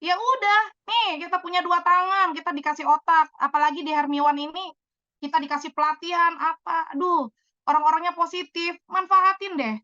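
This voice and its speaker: A chatty woman in her thirties with a high, bright voice tells her stories with animated emphasis. The sound is dry and a little dull. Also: brisk, dry recording. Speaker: business speaker answering questions. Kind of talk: casual talk-show answers.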